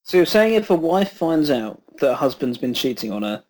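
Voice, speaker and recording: A man co-hosting a film podcast, calmly and politely arguing his side in casual chat. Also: fairly high pitch, brisk, low-quality recording. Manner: calm, reasoned, disagreeing politely.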